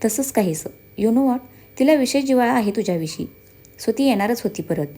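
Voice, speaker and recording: A confident, playful young man, as a female narrator reads him, teasing and knowing. The voice stays in her own raised register, warm and mellow. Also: a little high, lively intonation, fairly quick, close to an everyday voice.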